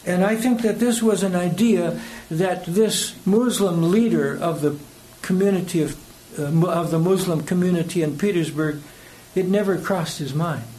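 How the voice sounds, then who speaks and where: An older American preacher gives a conversational sermon in a high, dark-toned voice at normal speed, with hardly any pauses. He rambles hesitantly through personal anecdotes, chuckling between phrases, over a rough recording with clear background noise.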